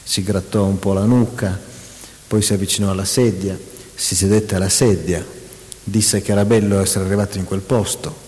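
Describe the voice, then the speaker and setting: A man's voice: sits low, fairly even intonation, moderate pace, a little mellow. A man, a writer, talking animatedly about writing, often restarting and reading out mock passages. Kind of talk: public talk with an interviewer. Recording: echoey hall reverb.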